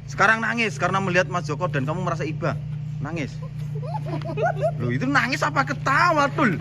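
A man's voice: high-pitched, sing-song, a little fast, heavy background noise. A man, narrating a comedy skit and directing his team, often laughing as he talks. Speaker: director of an acting challenge.

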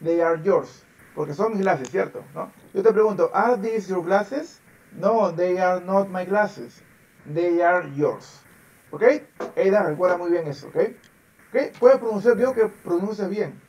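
Patient, slow high-voiced male teacher. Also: darkish tone, distant mic, low-quality recording. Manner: patient, repeats words over and over for drilling. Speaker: English teacher. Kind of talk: online class. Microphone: video call.

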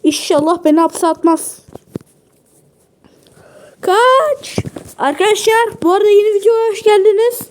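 A woman hosting a gaming video, giving excited gameplay commentary with loud taunts and rough slang. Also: extremely high pitch, slight background noise.

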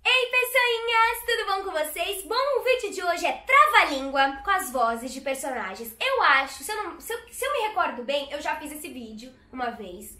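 Young female host, high bright voice, playful casual banter, echoey room. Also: sing-song, moderate pace, few pauses, a little hiss or hum. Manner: bubbly and teasing. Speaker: voice actress and channel host. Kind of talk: casual chat.

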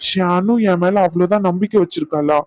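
Man playing a gentle, remorseful young husband. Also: sits high, fairly quick, no room sound, lo-fi sound, close to an everyday voice. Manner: soft, reassuring.

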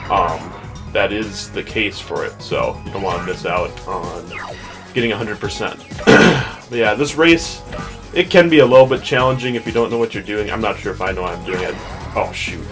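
A young man giving casual, rambling, self-deprecating gameplay commentary as a let's play host. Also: on the low side. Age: young adult. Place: small bedroom at home. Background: video game music.

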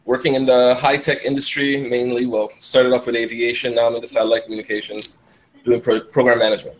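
A man from Canada, a panel guest on a video call, speaking in a brisk, matter-of-fact way. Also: mid-range voice, little pitch movement, poor audio.

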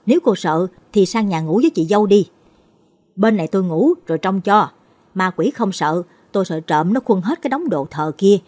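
A stubborn middle-aged policeman snaps and scolds his family, voiced by a woman narrator. His voice is husky and swings in pitch. He sounds domineering throughout. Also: animated, moderate pace, dark tone, close to an everyday voice. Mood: scolding. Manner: snapping, domineering.

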